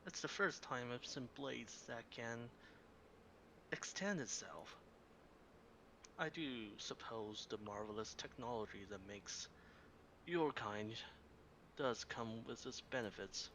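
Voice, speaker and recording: Man as devout mortal warrior for tabletop game; formal, measured phrasing, faint background noise. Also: mid-range voice, sharp tone, poor audio. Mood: dry, proud. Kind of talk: tabletop role-play in character.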